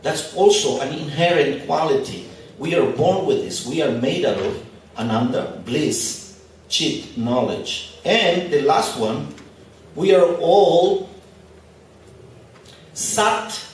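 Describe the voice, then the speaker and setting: Far from the microphone in a very echoey expo hall, a man lectures on spiritual topics to a live audience, conversational and gently funny; English isn't his first language. He sounds a little high, expressive and slow, with a little hiss or hum in the audio.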